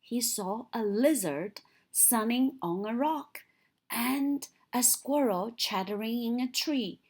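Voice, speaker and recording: Reading a picture book to young children, a woman uses an expressive storytelling style and dramatically stresses the key moments. Her voice is a little high, with a breathy edge, and she goes slowly.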